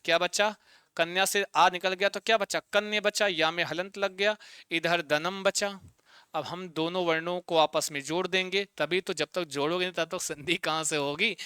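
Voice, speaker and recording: Male Sanskrit tutor, fairly high bright voice, crisp and dry, constant "got it?" check-ins, spells out syllables slowly. Online exam-prep lesson. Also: fairly even intonation, no room sound. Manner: drills students with repeated questions and tag checks. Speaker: Sanskrit teacher.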